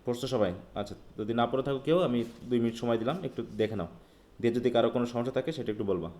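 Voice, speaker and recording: A man's voice: mid-range voice, racing, darkish tone. A man from Bangladesh teaching an English literature class online, reading English lines aloud and questioning his students. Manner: mixes Bengali with read-out English, asks students questions.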